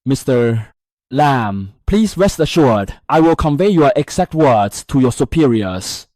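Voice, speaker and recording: A man's voice: mid-range voice, big pitch swings, unhurried, darkish tone, no room sound. A man narrating voicing a nervous, placating female secretary on the phone.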